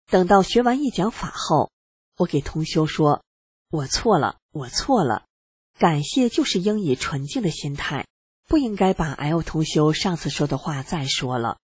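Calm husky first-person reader. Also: medium pitch, normal speed, no echo. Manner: calm, earnest reading. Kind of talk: scripted first-person narration.

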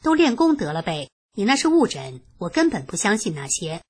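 A woman's voice: medium pitch, big pitch swings, a little fast, slightly rough. A woman reading the lines of a skeptical older male doctor in a blunt, scoffing way, close to her own voice.

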